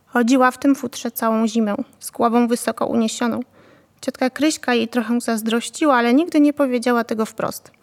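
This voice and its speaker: A woman narrating a novel in a calm, even storytelling manner. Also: fairly high pitch, a little fast, big-room sound. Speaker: audiobook narrator.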